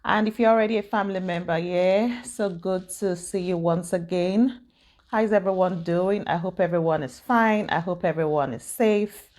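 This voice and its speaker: A woman's voice: lowish voice, normal speed, darkish tone. A woman vlogging casually to the camera from home in the morning, chatty and rambling, laughing often and restarting her sentences. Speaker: YouTube vlogger. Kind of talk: casual direct-to-camera vlog chat.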